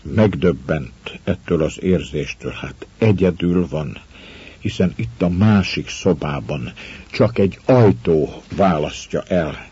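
A man reads a story aloud at a slow, measured pace. His voice is low, dark and deeply husky. The recording sounds dull and lo-fi. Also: animated. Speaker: narrator. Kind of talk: audiobook story reading.

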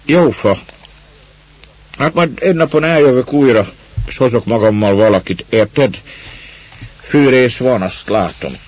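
Man playing a hoarse grumbling mustached peasant. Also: medium pitch, a little mellow, highs cut off, voice pushed up, close to an everyday voice. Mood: gruff. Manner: awkward, halting, mumbled. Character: gruff dark-faced mustached middle-aged peasant man.

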